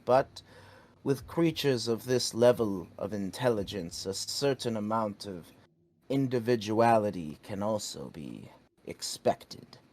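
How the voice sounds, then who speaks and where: A man narrating a tabletop game as game master, measured, with dry sarcastic asides. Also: medium pitch, a little mellow.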